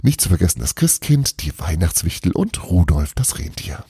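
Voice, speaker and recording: A stubborn boy from a storybook who waves off everything he hears, as a male narrator puts him on. Grumpy and dismissive, with a husky, gravelly voice. Dry close sound. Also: sits low, big pitch swings, moderate pace, warm tone, no echo, heavily acted. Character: sceptical, stubborn young boy. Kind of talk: storybook reading.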